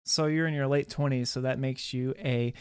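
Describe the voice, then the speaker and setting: A man hosts a casual podcast interview in an easygoing, teasing way, often restarting his sentences. His voice is smooth and resonant, and the recording is dry and close. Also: mid-range voice, fairly even intonation, normal speed, a little mellow, no room sound. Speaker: podcast host.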